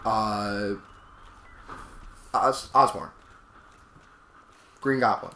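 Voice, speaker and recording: Male let's play co-host, forceful bright delivery, emphatic casual opinions, echoey room with faint noise. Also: fairly low pitch, very slow. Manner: opinionated, emphatic, repeats and rephrases himself. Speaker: let's play co-host commenting over the game. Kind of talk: casual opinionated chat over gameplay. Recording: roomy echo, faint background noise.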